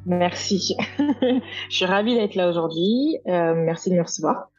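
Woman, 30s, from France, podcast guest, hesitant, lowish voice, muffled sound. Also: expressive, unhurried, darkish tone, slightly rough, soft background music. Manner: hesitant, many fillers. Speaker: guest, skincare founder. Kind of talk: podcast interview.

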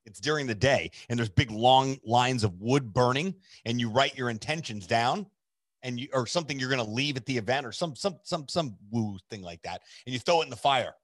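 A man's voice: medium pitch, animated, brisk, dry recording. A man casually telling a personal story in a loose, chatty way, full of fillers and restarts.

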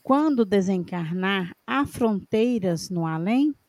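A woman reading out a viewer's question aloud, slow and deliberate. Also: mid-range voice, expressive, a little mellow, dry recording.

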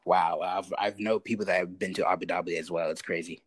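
A man's voice: deep voice, steady tone, fairly quick, no echo. A man hosting a podcast, chatting in a laid-back, slangy way with many fillers. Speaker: podcast host. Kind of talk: casual interview.

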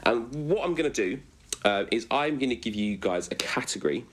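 A young man hosting a casual chat on a video call, relaxed and full of ums and uhs. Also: medium pitch, normal speed. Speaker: host.

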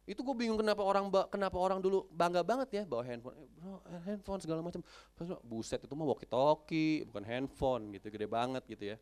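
A man preaching a sermon in a church. He tells casual stories, switches between languages, swings his pitch widely and bursts out loudly. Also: fast, few pauses, clean tone. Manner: animated, code-switching, with big pitch swings and loud outbursts.

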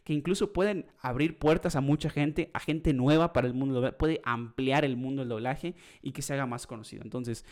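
A man's voice: mid-range voice, a little fast, few pauses. A young man hosting a podcast, chatting casually and rambling with many fillers and asides. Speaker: podcast host.

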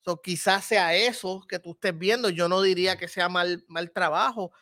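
High-voiced Puerto Rican man, thoughtful. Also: steady tone, normal speed, pushed and bright, dry recording, studio quality. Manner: thoughtful, hedging, mixes English words into Spanish. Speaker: podcast guest, comedian and film critic. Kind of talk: casual conversation.

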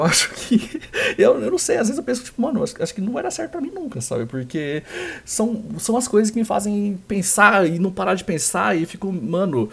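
Husky young Brazilian guy, rambling. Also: high voice. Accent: Brazilian Portuguese. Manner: rambling, slangy, self-doubting. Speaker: podcast co-host. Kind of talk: casual chat.

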